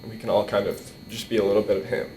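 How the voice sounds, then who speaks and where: A young adult man, the nephew of the deceased, gives an informal eulogy at a memorial in an indoor hall, speaking into a microphone on a boom stand. He is emotional and struggles to keep his composure, halting and repeating words in a flat delivery with a darkish tone. The recording has a roomy echo and a faint rumbling noise.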